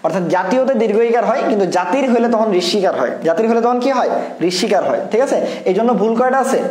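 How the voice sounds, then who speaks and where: Quick, high-voiced man tutoring. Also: animated, a little mellow, echoey room. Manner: quick, repeats points and keeps checking in with students. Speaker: admission test tutor. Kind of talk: exam answer walkthrough.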